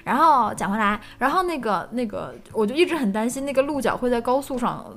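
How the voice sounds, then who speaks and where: A woman co-hosting a live chat stream, casual, giggly and animated. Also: fairly high pitch, a little fast.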